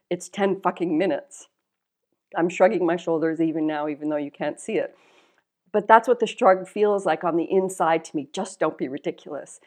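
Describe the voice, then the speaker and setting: A woman coach giving a reflective spoken lesson, wry and self-mocking, in a measured way. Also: on the low side, darkish tone.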